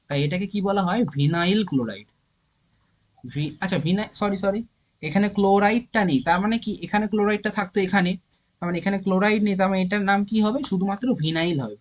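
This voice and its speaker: A man with a Bengali accent explaining organic chemistry naming, thinking aloud and counting carbon atoms step by step. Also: high-pitched. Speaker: chemistry teacher. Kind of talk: informal classroom lesson.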